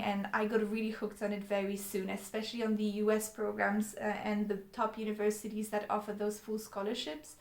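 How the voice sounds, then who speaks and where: A young Polish woman, whose first language is Polish, tells her life story to the camera as a vlogger. She is earnest, with frequent ums and restarts, and her mid-range voice sounds reverberant.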